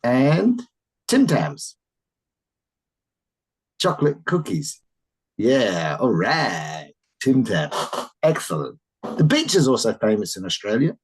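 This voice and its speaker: A teacher running an online English class for children over a video call, animated and encouraging, often exclaiming in surprise. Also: medium pitch, slow, long pauses, breathy edge, poor audio.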